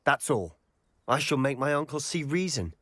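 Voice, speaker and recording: Teenage wizard, defiant, impulsive, headstrong, mid-pitched, close dry game dialogue. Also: male voice, very animated, normal speed, fairly bright tone, dry recording. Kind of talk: dramatic video game dialogue.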